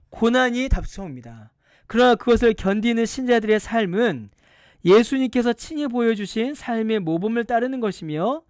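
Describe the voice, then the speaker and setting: A man's voice: sits high, a little mellow, smooth, dry recording, clean studio sound. A man, a pastor, teaching a Bible study lecture, asking the listeners questions and acting out quoted lines.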